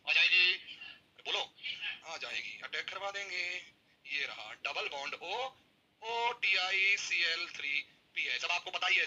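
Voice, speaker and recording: Fast, bright-voiced male chemistry teacher. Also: high-pitched, husky, lo-fi sound. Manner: energetic, keeps prodding students to answer. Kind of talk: classroom lecture.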